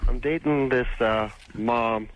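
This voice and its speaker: A man's voice: mid-range voice, takes it slowly, slight background noise. A man in his twenties calling in to a radio show over the phone, hesitant and full of fillers. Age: 20s. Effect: caller heard over a phone line on a radio show. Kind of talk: casual call-in chat.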